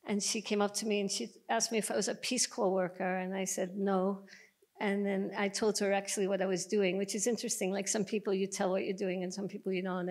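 A middle-aged woman speaks into a handheld mic on a museum panel stage, recounting her past work at length. Her pitch stays flat and even, and she keeps circling back with fillers and restarts. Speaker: documentary filmmaker, panelist. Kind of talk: panel discussion, storytelling. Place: museum auditorium stage, seated panel before an audience. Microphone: handheld microphone.

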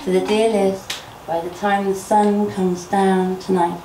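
Gravelly woman telling folk tales. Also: mid-range voice, flat delivery, dark tone, slight background noise. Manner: unhurried, earnest, chuckling. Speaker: storyteller. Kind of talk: oral folk storytelling. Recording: roomy, voice from a distance.

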